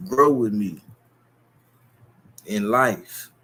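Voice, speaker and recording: Here a young YouTube streamer with a Chicago accent delivers an extended, swaggering, cursing, wandering monologue straight to his viewers. His voice is on the low side, pushed and bright, and he speaks extremely slowly.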